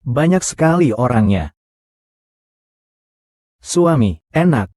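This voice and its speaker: A man's voice: mid-range voice, big pitch swings, slow pace, mellow, no echo, studio quality. A man voicing the characters of a dubbed short drama, with a scornful, confrontational delivery.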